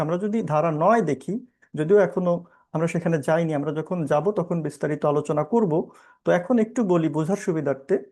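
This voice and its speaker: A man's voice: sits high, mellow. A man with a Bangladeshi accent giving a law lecture, explaining step by step, asking questions and answering them, with English terms mixed in. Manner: explanatory, asks and answers his own questions; mixes English legal terms into speech. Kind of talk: classroom-style lecture.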